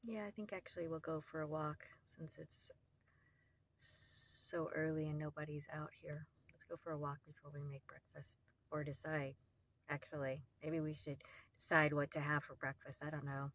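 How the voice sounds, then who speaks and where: A woman narrating a casual travel vlog, thinking aloud in a soft-spoken way from her van and the beach. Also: sits low, fairly even intonation, brisk. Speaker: vlogger.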